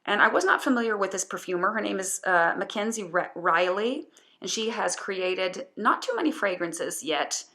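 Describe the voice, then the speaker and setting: A woman's voice: mid-range voice, animated, moderate pace, pushed and bright. A woman casually reviewing her favorite perfumes, chatty and hesitant, with frequent restarts and fillers.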